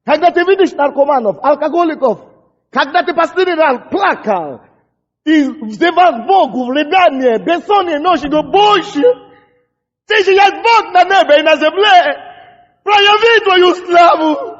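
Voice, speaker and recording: A male pastor, a native English speaker, preaches a fiery sermon with impassioned, shouted prayers, stumbling over his words. His voice is very high-pitched and expressive at a moderate pace, and the church-hall recording sounds dull and echoey.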